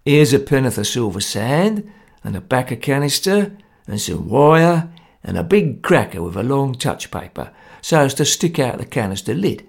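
Complacent man, breezy and matter-of-fact, as a narrator puts him on; gravelly. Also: medium pitch, big pitch swings, moderate pace, exaggerated voice. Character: smug, complacent Cockney plotter.

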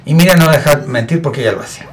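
A man's voice: a little high, racing, background noise. A man in his sixties with a Mexican accent, hosting a talk show and giving emphatic, preachy lifestyle advice. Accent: Mexican Spanish. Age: 60s. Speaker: radio show host. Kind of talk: casual advice chat.

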